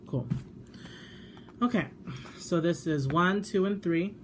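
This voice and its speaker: Chatty tarot reader with an even voice. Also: mid-range voice, slow, slight background noise. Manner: chatty, filler-heavy, self-correcting. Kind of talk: casual tarot reading to camera.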